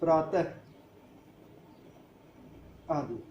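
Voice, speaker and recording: A man's voice: on the high side, very slow, a little mellow, reverberant, lo-fi sound, a little hiss or hum. A man teaching a grammar lesson who asks the class questions and answers them himself. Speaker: school teacher.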